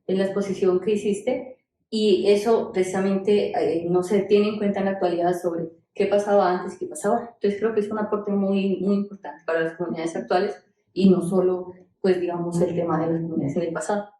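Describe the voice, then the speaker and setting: A woman's voice: mid-range voice, steady tone, brisk, dark tone. A woman researcher talking conversationally in an academic discussion. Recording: very echoey room.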